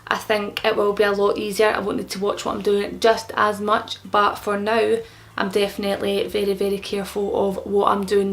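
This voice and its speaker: A young woman in casual explanatory vlog talk, her speech slightly impeded and thick-tongued, as with a newly pierced tongue. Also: mid-range voice. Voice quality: creaky. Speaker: vlogger answering common questions.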